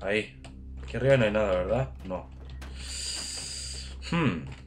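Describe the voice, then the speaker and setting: A man with a Spain Spanish accent doing casual gameplay commentary as a gaming channel host, excitable, swearing and cheering on his teammates. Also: on the low side, a little slow, faint music behind.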